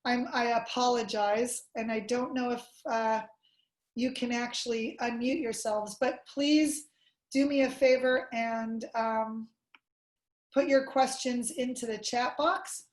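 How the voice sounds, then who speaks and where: A woman's voice: a little high, fairly even intonation, slow. Roomy-sounding woman giving an online workshop. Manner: explanatory, with playful acted demonstrations. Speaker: workshop presenter on child development. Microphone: video call. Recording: roomy echo.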